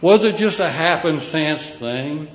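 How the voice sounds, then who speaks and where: A man's voice: on the high side, animated, a little slow. A man with a rural Ozark hillbilly accent preaching a sermon in a folksy, plain-spoken way. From Missouri, United States. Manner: folksy, plain-spoken, emphatic swells dropping to quiet asides. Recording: echoey hall, reverberant, faint noise.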